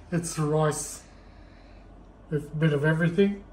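A man's voice: on the high side, slow, a little hiss or hum. A man, chatting casually and chuckling as he talks in a travel vlog. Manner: relaxed, chuckling. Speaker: travel vlogger.

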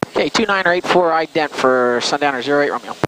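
A man with a fairly high voice speaks as a pilot over a headset in a small cockpit. He makes radio calls and short remarks, with aircraft drone faintly behind him. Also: animated, fast talker, a bit bright, slight background noise, poor audio. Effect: pilot headset intercom. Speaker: private plane pilot. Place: small plane cockpit in flight.

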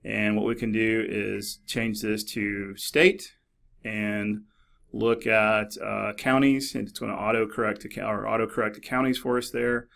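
A middle-aged man narrating a screen-recorded tutorial in a relaxed, explanatory way, with many fillers and restarts. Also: on the low side, unhurried, gravelly. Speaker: librarian demonstrating a database. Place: office.

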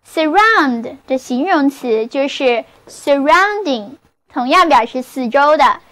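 A woman's voice: sits high, expressive, takes it slowly, fairly bright tone. A woman teaching English vocabulary in a scripted lesson, speaking carefully, spelling words letter by letter and repeating example sentences, with a Mandarin Chinese accent.

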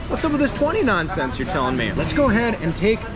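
An American man in his thirties hosting a food vlog, talking excitedly and joking as he eats, filmed at arm's length on a city street at night. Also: high-pitched, fast, a crowd in the background. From United States. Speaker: food vlogger host. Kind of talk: casual vlog narration. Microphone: action camera held at arm's length. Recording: loud street noise behind.

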